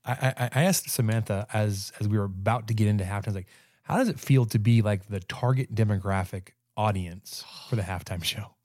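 A man of thirty-five co-hosting a sports podcast, telling stories in casual chat with quick stammering restarts. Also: lowish voice, dry recording, studio quality. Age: 30s. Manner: animated storyteller, stammering restarts. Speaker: podcast co-host.

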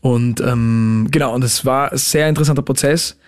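A man's voice: mid-range voice, moderate pace. Late-twenties man, chatty pop musician. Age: late 20s. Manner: lively, mixes English words into speech. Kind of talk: casual interview.

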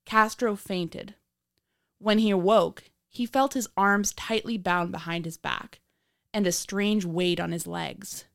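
A woman hosting a podcast, reading scripted true crime narration in a measured, dramatic storytelling manner. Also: mid-range voice, gravelly, a bit bright, no echo, studio quality. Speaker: podcast host.

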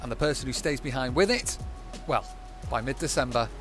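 A man's voice: medium pitch, expressive, brisk, over music. A man giving polished, scripted narration for a sports feature.

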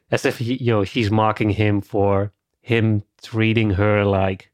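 A man's voice: lowish voice, level tone, slow, no room sound, clean studio sound. A man co-hosting a film podcast, talking things through in a casual, conversational way with a lot of "you know" and "like.". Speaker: podcast co-host.

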